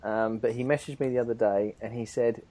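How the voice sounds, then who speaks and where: A man's voice: medium pitch, steady tone, fairly quick, warm tone, dry recording. A man hosting a podcast in chatty, teasing casual talk, steering the conversation. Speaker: podcast host. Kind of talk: casual chat.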